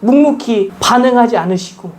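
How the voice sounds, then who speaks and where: A woman's voice: fairly high pitch, normal speed, darkish tone. A woman pastor giving a sermon at a church service, earnestly telling stories and asking the congregation questions. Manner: addresses the congregation with repeated questions; earnest, emphatic storytelling. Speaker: guest pastor.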